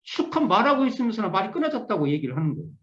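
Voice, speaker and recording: A man's voice: sits high, very animated, very fast, a bit bright. A middle-aged man, a minister, gives an online scripture lecture, repeating key words and restarting often as he muses through his explanation. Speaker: Won Buddhist minister teaching scripture. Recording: echoey room, dull lo-fi sound.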